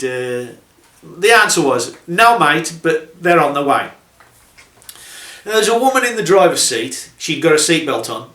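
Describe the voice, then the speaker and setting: Wry trucker with a bright voice. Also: male voice, medium pitch, roomy sound. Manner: dry, sardonic humour with chuckles. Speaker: truck driver telling stories. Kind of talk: casual anecdotal storytelling.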